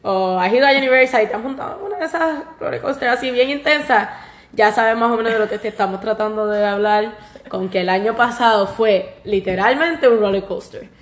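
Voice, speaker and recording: A woman's voice: a little high, brisk. A woman in her twenties with a Puerto Rican accent, co-hosting a podcast in casual chat, laughing often and slipping English words into her talk. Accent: Puerto Rican Spanish. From Puerto Rico. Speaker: podcast co-host. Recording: roomy echo.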